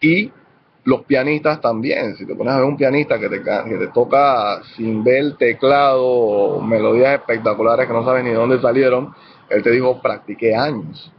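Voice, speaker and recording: A man's voice: mid-range voice, moderate pace. A man teaching urban music technique in a casual video lesson, laying out his points in numbered steps. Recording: slightly dull lo-fi sound with faint noise.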